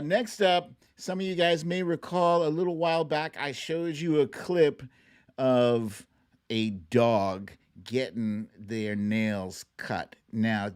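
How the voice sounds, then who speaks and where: Reacting to clips on a livestream, this host keeps things casual and playful, with expressive delivery and silly exclamations. Their voice is mid-range.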